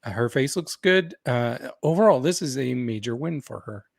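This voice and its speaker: A man's voice: mid-range voice, animated, normal speed, gravelly, dry recording, clean studio sound. A man co-hosting a podcast in casual chat, opinionated and chatty, often laughing as he talks. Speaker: podcast co-host.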